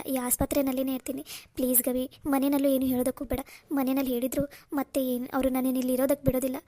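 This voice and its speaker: A woman's voice: high voice, dark tone, no room sound. A woman voicing a pleading tearful cartoon woman. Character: distraught young woman pleading for loved one. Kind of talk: Kannada cartoon voice acting.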